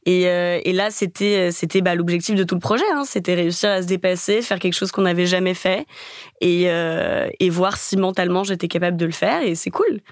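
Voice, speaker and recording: A woman's voice: fairly low pitch, a little fast, no room sound, studio quality. A young woman from Paris, a guest in a casual podcast interview who talks candidly and fills her speech with hesitations. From Paris, France. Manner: candid, chatty, many fillers.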